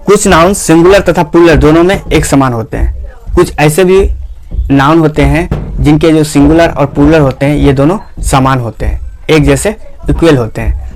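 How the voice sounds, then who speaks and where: A young man teaching English grammar in a slow classroom style, repeating examples and asking rhetorical questions. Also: on the high side, a little mellow, slight background noise.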